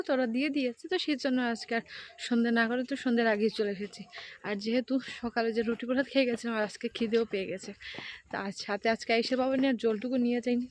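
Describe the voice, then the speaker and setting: A woman from India talks quickly into her phone camera, her voice set a little high. She is walking between village houses and fields, worn out from the walk, and speaks softly as she passes neighbours' yards. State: tired and hungry from walking. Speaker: village lifestyle vlogger. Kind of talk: casual vlog narration while walking. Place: outdoors on village paths and fields, then at home. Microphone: handheld phone camera.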